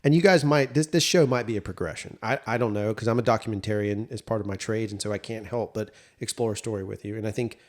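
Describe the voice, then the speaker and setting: A man's voice: on the low side, fast talker, hardly any pauses. A man co-hosting a podcast, chatting casually with playful, joking banter. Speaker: podcast co-host.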